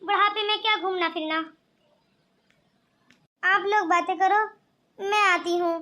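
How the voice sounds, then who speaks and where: A woman's voice: extremely high pitch, steady tone, measured pace, sharp tone, heavily acted. A woman voicing an older, bossy mother-in-law in a cartoon, who talks in a scheming, commanding way. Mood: warm. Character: older mother-in-law, sharp-tongued turned kind. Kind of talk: cartoon voice acting.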